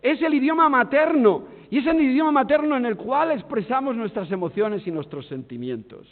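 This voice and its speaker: Spanish preacher with a lively high voice. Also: male voice, normal speed. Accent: Spain Spanish. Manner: expressive, swings between loud emphasis and hushed tones. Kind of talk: sermon. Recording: tinny phone-like sound with long hall reverb.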